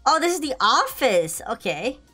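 A woman with a high-pitched voice streams a horror game with playful fright. She comments in a casual, slangy way and repeats her phrases excitedly. Faint music plays behind her. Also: moderate pace. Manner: scared horror game streamer, shrieking and pleading in mock fright.

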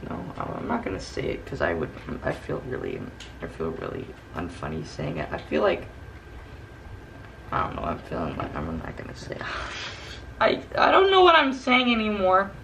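A young man, the son, chattering and muttering beside his dad while they draw, rambling with bursts of excitement. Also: very deep voice, moderate pace, creaky, background noise. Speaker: son drawing alongside dad. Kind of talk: casual chatter.

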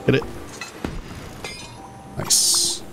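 A man casually chatting while playing a co-op game, with quick excited exclamations. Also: faint music behind. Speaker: streamer. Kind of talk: casual co-op gameplay chat.

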